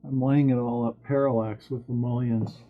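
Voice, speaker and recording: On a small boat, the owner talks himself through a repair in relaxed DIY fashion, musing aloud as he goes. His medium-pitched voice stays steady at a normal speed, heard through narrow, tinny audio.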